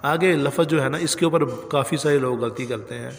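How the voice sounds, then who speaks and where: A man teaching correct pronunciation of recitation, stretching out each word slowly as he shows how to say it. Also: medium pitch, big-room sound. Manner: slow, drawn-out demonstrations of words. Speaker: Quran teacher. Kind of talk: pronunciation lesson.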